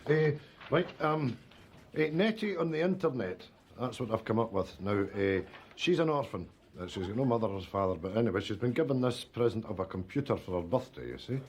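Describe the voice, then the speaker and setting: An actor playing a bumbling old cartoonist who rambles with many hesitations and restarts in a sketch comedy. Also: male voice, on the low side, animated, a little fast, darkish tone, slight background noise, natural voice. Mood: rambling. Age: older.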